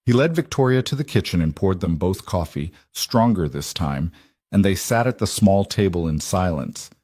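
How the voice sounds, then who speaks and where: Low, husky male story narrator. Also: expressive, moderate pace, darkish tone, no room sound, clean studio sound.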